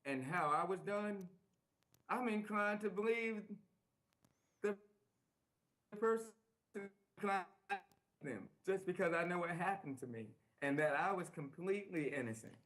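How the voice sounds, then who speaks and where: A man speaks as an interview guest in a fairly high voice. He is earnest and emphatic and repeats key phrases. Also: unhurried, long pauses, a bit bright, rough recording.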